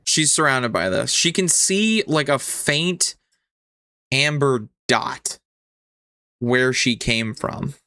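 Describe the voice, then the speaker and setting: Slow-talking man narrating a tabletop game. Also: medium pitch, animated, bright, forceful tone, no echo. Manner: slow, descriptive narration with filler ums. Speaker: game master.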